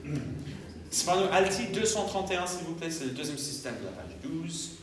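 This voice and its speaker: A man's voice: fairly high pitch, animated, normal speed, soft background music. A man leading a choir rehearsal, counting beats aloud and singing short phrases to show the rhythm. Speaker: choir conductor. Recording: very echoey, voice far from mic, audible background noise.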